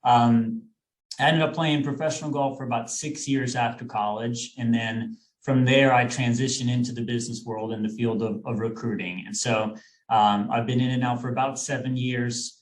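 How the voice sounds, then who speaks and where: Over a video call with poor audio, an executive recruiter from Sweden explains things in a friendly way as a webinar guest, frequently using fillers and restarting phrases. His mid-range voice stays steady at a moderate pace during the webinar presentation.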